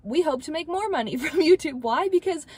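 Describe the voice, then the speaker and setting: Higher-voiced woman chiming in casually. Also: expressive, a little fast, darkish tone. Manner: brief interjections, laughs easily. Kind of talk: casual conversation.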